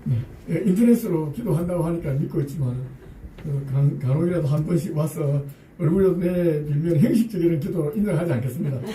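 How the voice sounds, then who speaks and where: A man preaching as pastor, talking in a lively, conversational way, with rhetorical questions and humorous asides for the congregation. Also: fairly high pitch, fast, slight background noise. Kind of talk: sermon. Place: church sanctuary. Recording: echoey church room, voice picked up from a distance.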